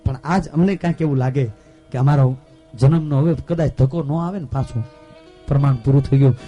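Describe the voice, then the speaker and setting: A man with a Saurashtra Gujarati accent telling folk jokes and preaching at a live stage program, rustic and swinging between loud exclamations and soft asides. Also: mid-range voice, brisk, muffled recording, soft background music. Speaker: folk storyteller and comedian.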